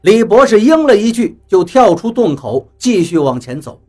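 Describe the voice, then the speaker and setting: A man narrates a first-person adventure tale with a husky, slightly breathy voice. Faint music plays softly underneath the reading. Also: high-pitched. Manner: lively storytelling, slows and drops for quoted lines. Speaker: audiobook narrator.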